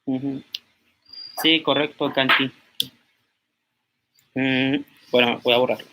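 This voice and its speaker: A young man in his twenties, from Mexico, giving an informal language lesson and slowly repeating words as he writes them out. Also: mid-range voice, fairly even intonation, sharp tone. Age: 20s. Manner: slow, repeats words aloud while writing on a board. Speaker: language teacher.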